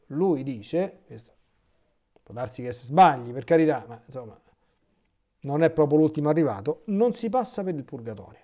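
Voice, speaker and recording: The Italian priest in this clip has a voice on the high side. He works through a catechesis talk by reading a text, frequently veering off into lively spontaneous digressions.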